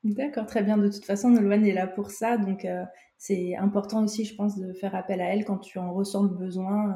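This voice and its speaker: A woman with a very warm, dark voice interviews a client for a diet program. She sounds reassuring and pauses often with fillers. Her voice carries a clear room echo. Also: mid-range voice, fairly even intonation. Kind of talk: informal interview.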